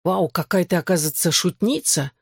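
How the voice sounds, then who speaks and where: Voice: mid-range voice, animated, normal speed, dry recording, natural voice. A reader voicing a cocky teenage boy in an audiobook, with a dry, sarcastic delivery. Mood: deadpan. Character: teen boy, cocky, deadpan, joking. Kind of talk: audiobook character voice.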